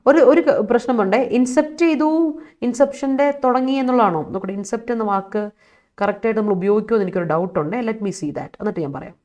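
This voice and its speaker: A woman's voice: fairly high pitch, quick pace, a little mellow. A woman English teacher from Kerala running a live online vocabulary class, mixing English words into her explanations and laughing as she answers her students. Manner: mixes English words into explanations, reads student chat aloud, laughs often.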